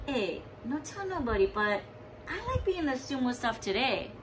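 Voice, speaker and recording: A woman voicing a small, eager, hardworking boy who speaks Hawaiian Pidgin in a high, soft, pleading voice. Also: very animated, moderate pace, distant mic, noisy background. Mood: wistful.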